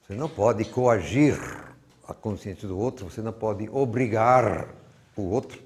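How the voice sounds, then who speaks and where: A man's voice: fairly low pitch, moderate pace, darkish tone, slight background noise. Older brazilian guy teaching, chatty and rambly, keeps saying and so on. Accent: Brazilian Portuguese. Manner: conversational and rambling, trails off with "and so on". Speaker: Bible teacher. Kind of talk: teaching talk with personal anecdotes.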